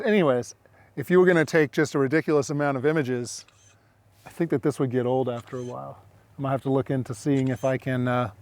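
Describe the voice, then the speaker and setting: Out in open, dry hills, a middle-aged drone pilot and video host gives casual running commentary while hosting a gear demonstration. His voice is medium in pitch with a darkish tone, and the recording is dry.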